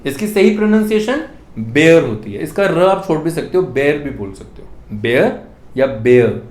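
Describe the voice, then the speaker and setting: A man with a fairly high voice teaches an English grammar class in an echoey room, speaking a little fast. He's animated, tells jokey stories, and has students repeat after him in call-and-response.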